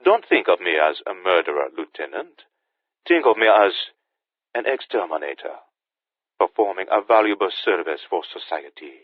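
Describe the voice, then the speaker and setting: A man voicing a suave, menacing male Haitian sorcerer villain with a Caribbean-tinged British accent, speaking smoothly and mockingly over a phone line. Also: deep voice, big pitch swings, normal speed, no room sound. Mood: smug menace. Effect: phone line filter.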